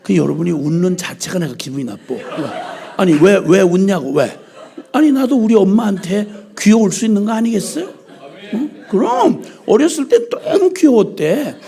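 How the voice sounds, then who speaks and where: An older man preaching at a church revival meeting, telling humorous stories and mimicking his mother's scolding with lively, joking energy. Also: high-pitched, normal speed, gravelly. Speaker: missionary preacher. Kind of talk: humorous sermon storytelling.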